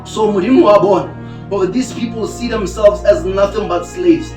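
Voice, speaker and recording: A man's voice: sits high, normal speed. A South African man, a native Sesotho speaker, preaching a sermon into a pulpit microphone with emphatic, repeated phrases. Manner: emphatic, repetitive rhetorical phrasing. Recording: echoey room, distant amplified voice, music underneath. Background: music.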